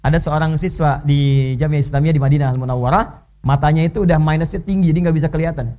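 A man giving an animated sermon in a mosque, telling stories with lively dramatic delivery and an Indonesian accent. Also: fast talker. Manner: animated storytelling, leaps high when voicing characters. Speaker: preacher.

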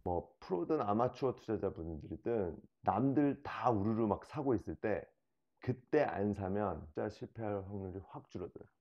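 Male interview guest, middle-aged, low voice, halting and casual, slightly muffled room sound. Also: lively intonation. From South Korea. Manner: slow, halting delivery. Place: small living room, on a sofa indoors.

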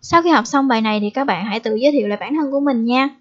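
A young woman teaching Japanese to beginners, repeating each example phrase slowly for learners. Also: a little high. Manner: slow drilled repetition of example phrases. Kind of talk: language lesson. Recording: dull lo-fi recording.

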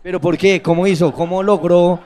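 A man's voice: high voice, steady tone, normal speed, darkish tone. A man with a Colombian accent hosting a roast on a comedy club stage, teasing a comedian with crude slang and laughing often. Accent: Colombian Spanish. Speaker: roast host. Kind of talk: loose stage banter.

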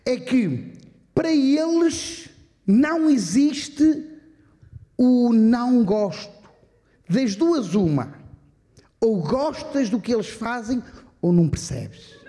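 A man's voice: extremely high pitch, lively intonation, takes it slowly, pauses often. A man doing crude, profane stand-up comedy and hosting a live show. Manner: profane, loud storytelling. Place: live comedy venue with audience. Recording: reverberant live hall.

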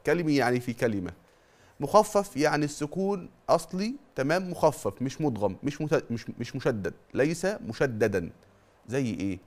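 A middle-aged man with an Egyptian Arabic accent and a voice on the high side teaches a televised Quran tajweed lesson. He drills terms through question and answer and stretches long vowels to demonstrate them.

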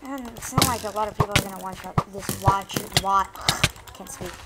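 A woman's voice: mid-range voice, normal speed, over loud music. A woman giving casual gameplay commentary, rambling and poking fun at herself. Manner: rambling, self-mocking, chatty. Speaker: gaming YouTuber.

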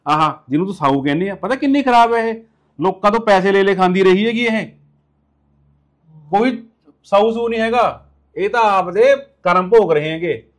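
Casting: man as resentful, insistent husband, somewhat high voice. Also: moderate pace, lightly acted. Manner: lecturing, insistent. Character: stern husband, resentful of his aunt.

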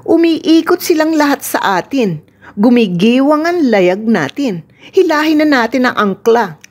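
A woman's voice: high voice, big pitch swings, unhurried, full character voice. A woman voicing a playful, imaginative little girl inviting her brother into make-believe games. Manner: bright, coaxing make-believe play.

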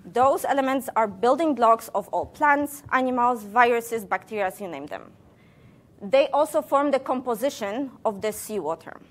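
At a normal speed, this woman presents a public science lecture in a rather high voice. Animated and conversational, she quizzes her listeners playfully and tucks jokes in between the facts.

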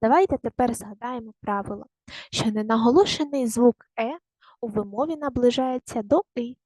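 A woman teaching a primary school language lesson online, speaking slowly and carefully and repeating words to show their stress. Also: fairly high pitch, darkish tone, no room sound.

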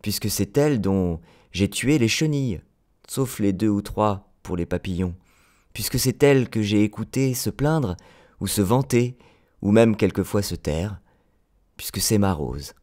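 Earnest young boy prince, gentle and wondering, read by a man, lively storybook delivery. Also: fairly low pitch, measured pace.

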